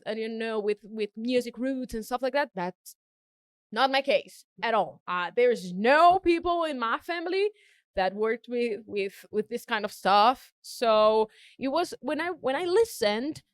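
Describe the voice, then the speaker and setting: A young Brazilian singer chats casually as an interview guest, her Portuguese accent clear as she laughs often and restarts sentences. Her voice is on the high side, and the recording is dry.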